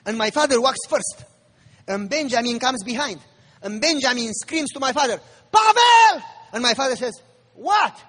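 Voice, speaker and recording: Male preacher, husky tone, emphatic sermon delivery, recorded in a reverberant hall. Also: extremely high pitch, brisk, pushed and bright. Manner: emphatic, asks the crowd rhetorical questions. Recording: long reverb of a large hall.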